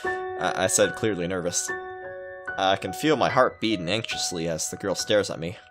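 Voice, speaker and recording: A low-pitched man at a moderate pace narrates a visual novel as a let's player, adding joking, playful comments while game music runs under him.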